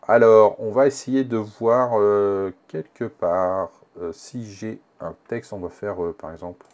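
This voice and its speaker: A man presenting a casual software tutorial, thinking aloud with many fillers and restarts. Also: on the low side, steady tone, unhurried.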